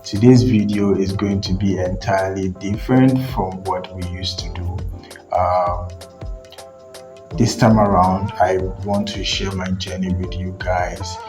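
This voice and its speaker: A man's voice: low voice, unhurried, music in the background. A young man from Ghana and Nigeria hosting his tech channel, telling his story casually with many fillers and restarts. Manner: relaxed, rambling, frequent fillers and restarts.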